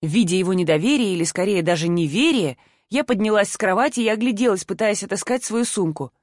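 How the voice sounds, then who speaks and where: A woman reading a novel aloud in an even, steady first-person narration. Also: medium pitch, fast talker, no room sound, studio quality. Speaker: audiobook narrator.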